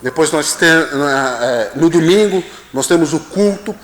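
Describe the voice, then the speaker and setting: Animated preaching man in echoey church. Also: on the high side, unhurried. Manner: animated preaching with frequent "amém?" and "tá?". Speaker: pastor. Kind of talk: sermon. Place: church hall. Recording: echoey church hall, long reverb.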